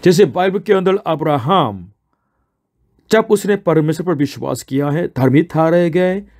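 A man's voice: on the high side, expressive, a little slow, a little mellow. A man preaching a sermon in an earnest, explaining way, asking questions and answering them himself.

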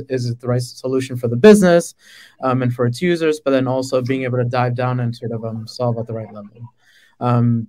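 This is a slightly mellow, medium-pitched male voice belonging to a Dominican product manager in his thirties. He speaks casually on a video-call panel, sprinkling in lots of "like" and "right?" The sound comes from a laptop webcam mic in a small indoor room.

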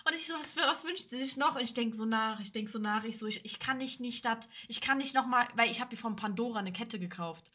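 A young woman streamer in casual chat, telling stories in an animated way and acting out what others said. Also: a little high, fairly quick, few pauses. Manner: animated storytelling, slips into laughing; acts out quoted voices.

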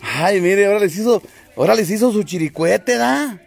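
A man hosts a casual livestream from outdoors in a small town. His voice sits fairly high for a man. He chats jovially, greeting viewers by name and teasing the people around him. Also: lively intonation, normal speed, creaky. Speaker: vlogger and livestream host.

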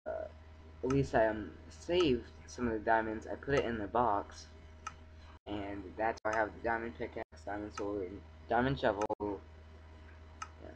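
A young man in his teens giving excitable, rambling commentary over a video game, talking to himself. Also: normal speed. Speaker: gameplay video maker. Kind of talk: casual gameplay commentary. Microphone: cheap computer mic. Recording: muffled low-quality computer mic, faint background hum.

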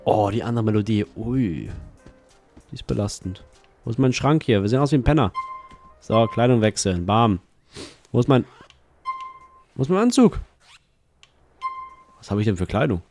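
A man chatting over his gameplay in a lively voice that swings up and down in pitch, with a touch of music underneath. He talks casually and excitably, throwing in curses and laughs as the game plays. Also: moderate pace, long pauses. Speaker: let's play host.

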